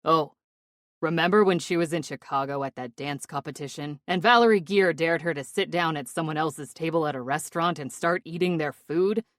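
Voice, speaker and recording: A woman voicing a loud, chattering middle-aged mother who rambles excitedly through stories in an audiobook. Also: low voice, fairly quick, dry recording, clean studio sound, close to an everyday voice. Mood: gushing.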